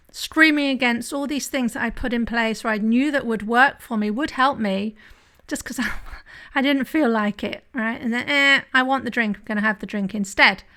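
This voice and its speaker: A woman's voice: fairly high pitch, a bit bright. A woman hosting a solo podcast, talking candidly and confessionally, with frequent "right?" asides. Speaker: podcast host and drinking coach.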